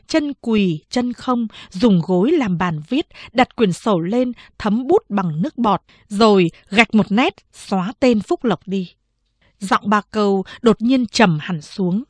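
A woman reading a novel aloud as a steady, measured audiobook narrator. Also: medium pitch, dry recording. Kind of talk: scripted narration.

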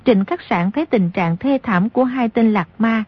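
A woman narrates an audiobook in a very husky, breathy voice that sits a little high. She reads with steady storytelling. The recording is dry and slightly lo-fi. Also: normal speed, dry recording. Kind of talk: scripted narration.

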